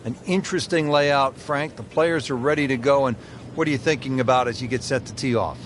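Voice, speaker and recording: A man voicing a golf play-by-play commentator in a video game, with a smooth, measured broadcaster delivery. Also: medium pitch, slight background noise, close to an everyday voice.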